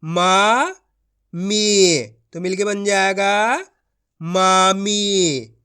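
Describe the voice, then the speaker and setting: A man teaching children to read, speaking at a very slow, deliberate pace. His voice is smooth and clear. He sounds out each syllable on its own, then blends the syllables into the full word. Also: high voice, fairly even intonation, pushed and bright. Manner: addresses viewers as friends, coaxing them to try. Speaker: Hindi reading teacher. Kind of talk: syllable-by-syllable reading lesson.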